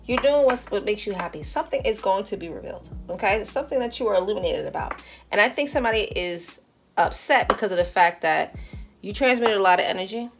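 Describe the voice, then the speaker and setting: A woman doing a casual tarot reading who talks straight to the viewer in a chatty, animated way and laughs often. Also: medium pitch. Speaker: tarot reader.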